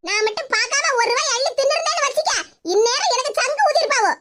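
A voice actor doing a squeaky fussing old neighbour. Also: animated, fast talker, very noisy. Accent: Tirunelveli Tamil. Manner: sped-up squeaky cartoon voice, fussing. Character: gossiping old neighbour woman. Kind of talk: animated village comedy.

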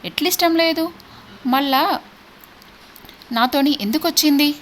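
A hot-headed young village man snaps and threatens in rough, clipped dialect, as a woman narrator puts him on. The voice sits high and pushes loud, over a faint hiss of background noise. He sounds brash and quick to anger in this storybook reading. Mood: angry. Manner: aggressive, threatening, dialect speech.

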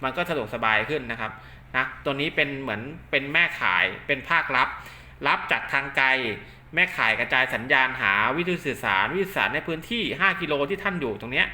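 A radio link cable maker walks through a casual hands-on demo, explaining things repetitively and often adding polite tags. His mid-range voice is animated, quick, bright and forceful. Clear background noise can be heard.

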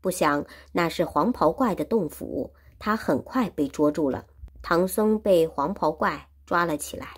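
A woman with a lowish, husky voice speaks unhurriedly as she teaches Chinese. In this storytelling lesson she retells a classic tale in simple words, repeating and explaining each phrase.

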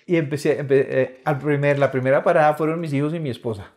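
A man's voice: a little high, fairly even intonation, fast talker, a little mellow. A middle-aged man with a Colombian Spanish accent chatting casually as a comedian guest on a podcast, with frequent restarts. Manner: chatty, stammering restarts, laughs often.

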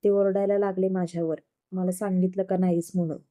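A woman reading the lines of a calm, reassuring young man recovering in a hospital, in a storybook tale. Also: on the low side, a little fast, close to an everyday voice.

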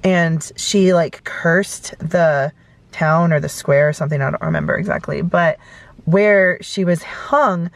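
A woman's voice: fairly low pitch, a little slow, no echo. Chatty woman vlogging from her car. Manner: chatty, rambling, many fillers. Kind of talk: casual storytelling. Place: inside a parked car at night. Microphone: camera close in front.

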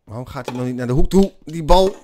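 A man chatting casually as he plays a tennis video game, with excited exclamations. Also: fairly high pitch, fast talker. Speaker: gamer, channel host. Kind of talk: casual gameplay commentary. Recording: clear game noise behind.

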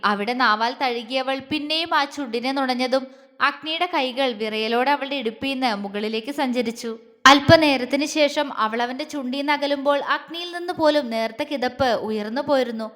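A woman narrating a scripted romantic audio story in a soft, steady manner. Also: high voice, in a large hall.

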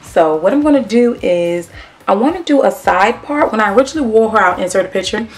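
Chatting casually with viewers she calls y'all, a woman beauty vlogger walks through a wig tutorial with peppermint in her mouth. Her medium-pitched voice is expressive and fairly quick, picked up by a distant mic.

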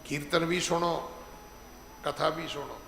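A middle-aged man giving an emphatic sermon as head preacher, slowing down to stress scripture and acting out the people he quotes. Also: on the high side, fairly even intonation, creaky, fairly bright tone, a little hiss or hum. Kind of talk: gurdwara sermon. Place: large gurdwara hall. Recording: echoey hall with long reverb, faint ambience.

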